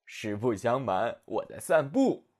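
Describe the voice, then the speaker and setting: A man voicing a small, proud, quick-witted male hedgehog in a storybook reading, in a slightly lowered, husky voice. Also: very animated, darkish tone. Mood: friendly. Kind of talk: storybook narration.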